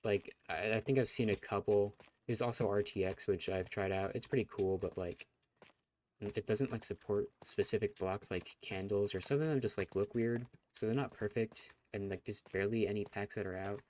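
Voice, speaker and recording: His voice lowish and darkish at a moderate pace, a young adult streamer chats casually as host, restarting sentences and leaning on fillers while his throat grows scratchy.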